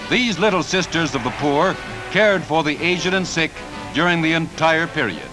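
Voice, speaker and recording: A man's voice: a little high, lively intonation, normal speed, poor audio. A man narrating a 1940s newsreel with a punchy announcer delivery and wry quips. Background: music score.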